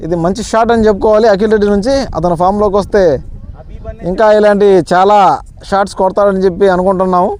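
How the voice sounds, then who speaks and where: A man giving live amateur cricket commentary in an excitable manner, repeating stock phrases of praise. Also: high voice, quick pace.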